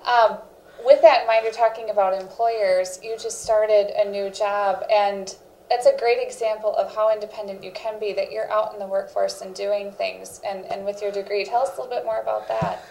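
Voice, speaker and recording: A woman's voice: mid-range voice, little pitch movement, moderate pace, gravelly, a little mellow. A middle-aged woman hosting an interview indoors, encouraging and upbeat with her guest. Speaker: host. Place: living room set indoors. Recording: roomy sound, faint noise.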